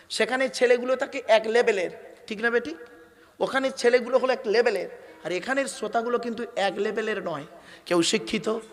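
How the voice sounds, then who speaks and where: A man with a high voice delivers a sermon to a gathering, speaking. He repeats key phrases and keeps asking his listeners if he is right. When he reaches the Quranic verses, he chants them slowly and stretches them out. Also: a bit bright. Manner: repeats phrases, asks the crowd "right or wrong?". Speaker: Islamic preacher.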